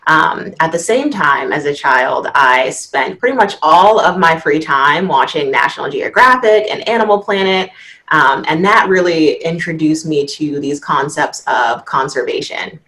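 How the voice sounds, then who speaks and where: A young woman in her twenties from Washington, D.C., a veterinary student, telling her story softly on a video-call panel, with frequent "um"s. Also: sits low, animated, measured pace, rough recording. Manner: soft-spoken, frequent "um".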